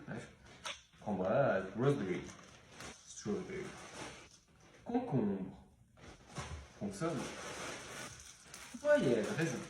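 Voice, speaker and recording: A man doing casual, playful commentary on a grocery haul, joking and repeating words in a sing-song way. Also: on the low side. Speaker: vlogger. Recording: very echoey room with noise.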